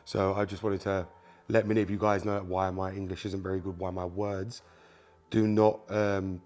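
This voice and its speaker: At a normal pace, a man with a low, slightly mellow voice and little pitch movement walks viewers through a hands-on car repair. He hosts a mechanic channel, speaks Spanish as his first language, and talks casually to "you guys" while working, peppering his speech with "um" and "obviously."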